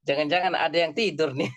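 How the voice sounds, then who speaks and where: A man's voice: a little high, fairly bright tone, no echo. A man teaching an Arabic class in a casual, joking way, chatting with his students and often laughing. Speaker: Arabic teacher at a study circle.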